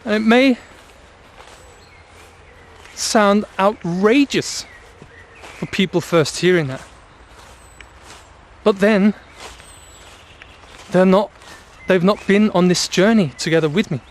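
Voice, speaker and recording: A man hosting a spiritual vlog, speaking in slow, emphatic, commanding declarations, recorded outdoors in the countryside. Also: high-pitched. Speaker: channel host.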